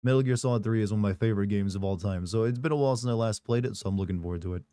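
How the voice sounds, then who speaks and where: A man rattles on very quickly in a lowish, hoarse voice that hasn't fully recovered, reading out viewer comments and cracking jokes on his live stream. The tone is dark and mellow, and the audio is close and dry without echo.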